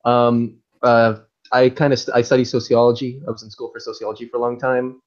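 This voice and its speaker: A young man from Chile, a guest on a podcast. He talks in a relaxed, chatty way and leans on "like" a lot. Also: mid-range voice, brisk. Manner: relaxed, chatty, uses "like" often. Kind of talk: casual remote podcast chat. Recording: dull lo-fi remote call audio.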